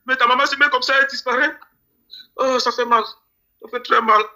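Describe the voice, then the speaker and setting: Man pleading in grief, high and fast. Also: steady tone, bright, forceful tone. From Cameroon. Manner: pleading, repeats phrases. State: grieving, near tears. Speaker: interview guest. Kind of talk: emotional interview testimony.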